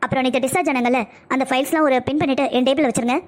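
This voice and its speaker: A woman voicing a busy female doctor in a cartoon, talking in a brisk, commanding but reassuring way. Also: sits high, steady tone, lightly acted. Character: calm, firm female doctor, a busy pediatrician. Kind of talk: cartoon voice acting.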